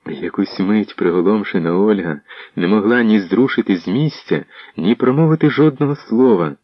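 Male audiobook narrator, low husky voice, dry dull recording. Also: moderate pace, no echo. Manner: steady storytelling. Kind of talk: scripted narration.

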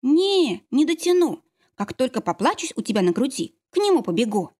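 Woman reading as a young pregnant woman, high excited voice, emotional, storybook, animated. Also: moderate pace, breathy edge, full character voice. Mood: tearful happy.

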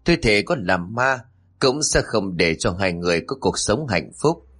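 A man voicing a heartbroken young mother who speaks in soft, weak, hushed tones in a spoken story. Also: on the low side, animated, normal speed, slightly rough. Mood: bitter.

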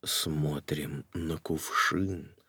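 A man voicing a sly male charlatan sorcerer who intones in a slow, grave, sepulchral voice. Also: rumbling low, steady tone, bright, forceful tone, husky, no echo, voice pushed down, exaggerated voice.

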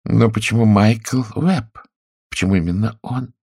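Fussy fifty-year-old wife voiced by a man, creaky and husky, pitched up, audiobook role. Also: measured pace, darkish tone, no echo, clean studio sound, exaggerated voice. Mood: fretful. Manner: raised, sing-song pitch. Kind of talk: audiobook character voice.

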